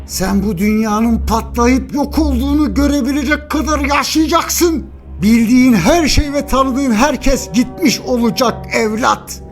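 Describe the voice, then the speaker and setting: A ruthless alien superhero father played by a man from a cartoon dub, high and gravelly in voice. He scolds with menacing, contemptuous emphasis, over clearly audible music. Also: lively intonation, a little fast. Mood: anguished rage. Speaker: amateur fan dubber. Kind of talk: dramatic animated superhero dub. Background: loud dramatic music.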